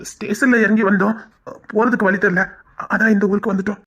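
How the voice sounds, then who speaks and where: A woman doing a husky weary older relative. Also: mid-range voice, fairly even intonation, quick pace, a bit bright.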